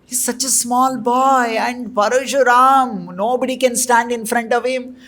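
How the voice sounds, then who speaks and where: A man's voice: sits high, lively intonation, measured pace, a bit bright. A man voicing an anguished old king who begs and pleads for his young son. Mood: alarmed. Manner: frantic, begging, repeating words.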